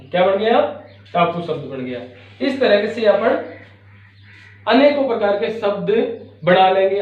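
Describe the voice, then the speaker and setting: A man teaching a class, slowly sounding out syllables and words and asking his pupils questions. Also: high voice. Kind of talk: slow classroom lesson. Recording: far-off echoey phone-like recording.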